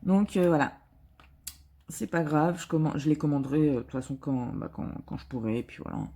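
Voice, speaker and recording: A woman's voice: low voice, a little fast, mellow. Hesitant woman chatting as she crafts. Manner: hesitant, full of filler sounds and restarts; chatty and self-mocking. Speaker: vlogger. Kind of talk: casual chat while diamond painting.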